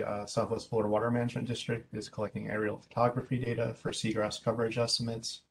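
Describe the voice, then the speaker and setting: A man's voice: fairly low pitch, vocal fry, a little hiss or hum, poor audio. A man chairing a meeting and introducing the next speaker, hesitant with fillers.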